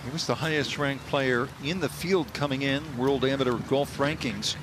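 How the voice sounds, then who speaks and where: A man giving live golf commentary as a broadcast host, with polished, measured announcing. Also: medium pitch, noisy background.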